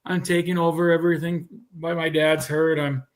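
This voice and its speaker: Thirties cattle breeder, man from Canada, slightly high pitch, easygoing rambling chat. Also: normal speed. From Manitoba, Canada. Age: 30s. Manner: relaxed rambling with restarts. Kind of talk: casual chat.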